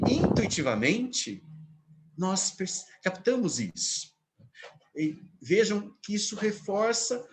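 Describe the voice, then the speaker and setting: A man teaching literature, lecturing on poetry and slowing down to stress quoted phrases. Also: a little high.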